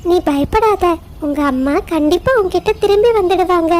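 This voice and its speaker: Woman playing a caring mother bird; soft, calm, reassuring, high voice, cartoon. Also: normal speed, a little hiss or hum.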